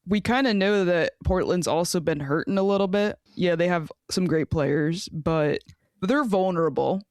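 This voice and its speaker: A woman's voice: fairly low pitch, normal speed, darkish tone, dry recording, clean studio sound. A woman co-hosting a casual sports podcast, blunt and frustrated, swearing and laughing as she talks. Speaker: podcast co-host.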